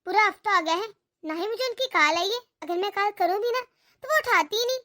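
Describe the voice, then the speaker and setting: A woman's voice: very high-pitched, a little fast, pushed and bright, a little hiss or hum. A woman voicing a sensible young daughter-in-law in a cartoon, polite and reassuring. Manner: polite, reassuring, level-headed. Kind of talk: cartoon dialogue.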